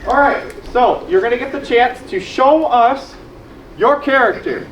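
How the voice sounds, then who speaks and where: Panel host, teasing and playful, mid pitch, echoey hall, faint background hiss. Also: animated, measured pace. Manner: playful, teasing, calls out to people on stage. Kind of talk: convention panel talk to a live audience. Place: convention panel room. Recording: echoey room, faint noise.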